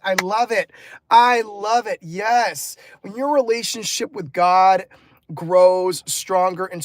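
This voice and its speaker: This livestream host and motivational coach from Los Angeles, California speaks in a high-pitched voice on a dry recording. Upbeat and effusive, he laughs a lot and repeats words while reading out comments from the chat on his motivational stream.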